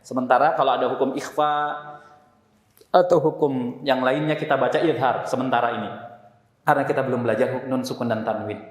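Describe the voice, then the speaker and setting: A man teaching a Quran recitation class to a congregation, relaxed and joking as he encourages beginners. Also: mid-range voice, brisk. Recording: echoey hall with long reverb.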